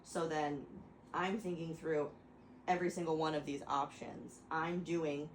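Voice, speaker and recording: A woman's voice: low voice, fairly even intonation, measured pace, echoey room, a little hiss or hum, rough recording. A woman rambling through a mock lecture to her friends, stopping and restarting and laughing often. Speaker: host explaining to friends. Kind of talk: casual chat, mock lecture.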